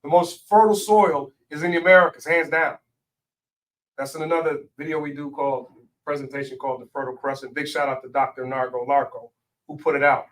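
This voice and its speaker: A man's voice: fairly high pitch, steady tone, brisk, fairly bright tone, recorded from a distance, rough recording. A man speaking as a guest in a studio interview, lecturing emphatically and spelling out words.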